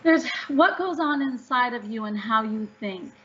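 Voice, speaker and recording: A woman's voice: on the high side, lively intonation, normal speed, bright, forceful tone. A woman author answering interview questions, upbeat and emphatic as she tells stories. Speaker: author guest. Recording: dull lo-fi audio.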